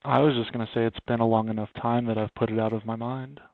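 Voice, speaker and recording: Thirties male guest, mid-pitch, modest and dry, lo-fi remote audio. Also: flat delivery, fast talker, creaky, dry recording. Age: 30s. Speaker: podcast guest, consultant. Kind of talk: casual interview. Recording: phone-like remote line.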